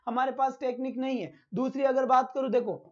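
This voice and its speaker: A man's voice: very high-pitched, steady tone, brisk, lo-fi sound. A male teacher giving a live online lesson, who asks his own questions, answers them himself, and calls his students "beta".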